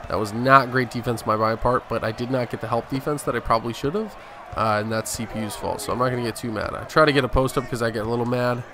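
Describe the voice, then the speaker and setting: Commentating on a basketball game in a gaming video, a male host narrates the action casually in present tense. He talks fast in a mid-range voice with fairly even intonation, and the game noise is clearly audible in the background.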